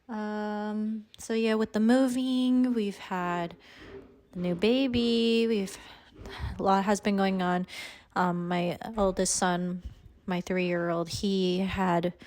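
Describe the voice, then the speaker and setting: Slow-paced young woman, slightly grainy sore-throat voice. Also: mid-range voice, a little mellow. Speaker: vlogger and yarn dyer. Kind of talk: casual chat to camera. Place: indoors in a house under renovation. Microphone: handheld phone.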